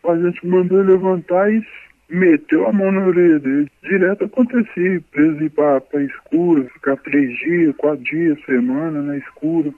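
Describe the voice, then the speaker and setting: A Brazilian-accented man, his identity masked by a voice changer, speaking in a halting, plain way with frequent restarts. The disguised voice sits fairly high for a man and comes through thin and tinny, like a narrow phone band, with a completely dry, close sound. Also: fairly even intonation, no echo. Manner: halting, repeats words, plain spoken. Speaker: anonymous former inmate interviewee.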